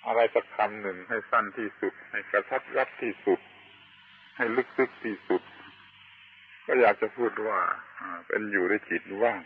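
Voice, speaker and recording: A man preaching a Buddhist sermon, slow and deliberate, pausing often and stressing key words. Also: on the low side, breathy edge, phone-quality sound. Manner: slow and deliberate, with long pauses and emphatic chanted words. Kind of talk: Dharma sermon.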